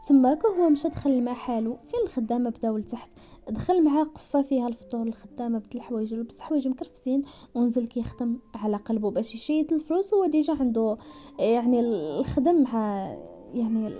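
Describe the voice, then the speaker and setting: A woman with a Moroccan Darija accent narrating a romance story at speed, voicing the characters' dialogue as she goes. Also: fairly high pitch. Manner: rapid, animated reading that slips into characters' voices.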